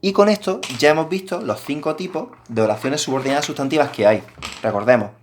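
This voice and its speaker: A man's voice: fairly high pitch, lively intonation, fast talker, slight background noise. A man teaching a recorded grammar lesson, explaining patiently and addressing his students directly.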